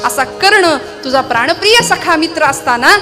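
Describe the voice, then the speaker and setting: A cunning old male advisor, voiced by a woman kirtan performer, needles and lectures his nephew with scornful impatience. The voice sits high, with musical accompaniment behind. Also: animated, moderate pace, music in the background. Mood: urging. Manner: needling, condescending, urging. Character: scheming old uncle Shakuni, sly advisor.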